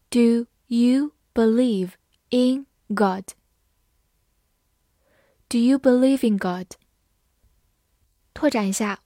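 A woman teaching an English vocabulary lesson, spelling words letter by letter and reading example sentences slowly. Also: mid-range voice, darkish tone, no room sound, studio quality.

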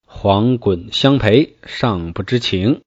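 A man reading a classical novel aloud and explaining it in colloquial speech, with lively, folksy asides. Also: fairly low pitch, takes it slowly, husky, dry recording. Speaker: storyteller. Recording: dull, dry lo-fi recording.

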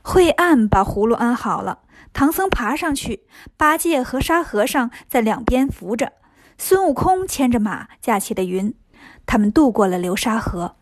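A woman storyteller narrating a children's story in a lively, chatty way. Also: fairly high pitch, normal speed, dry recording.

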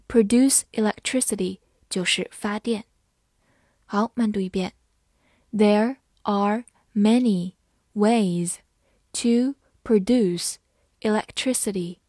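A young woman teaching English vocabulary, spelling out words letter by letter and reading example sentences slowly. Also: medium pitch, darkish tone, no echo, clean studio sound. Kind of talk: vocabulary lesson.

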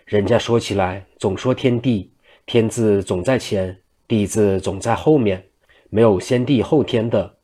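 A man's voice: on the low side, a little slow, mellow. A man reading a frank young woman. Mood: reasoning. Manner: chiding, reasoning with proverbs.

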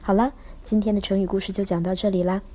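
A woman teacher telling a children's story in a lively, expressive way. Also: medium pitch, fast.

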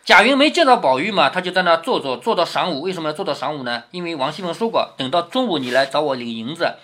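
A man's voice: on the high side, animated, quick pace, sharp tone. A man reading a classic novel aloud to his daughter and explaining it patiently, often asking rhetorical questions.

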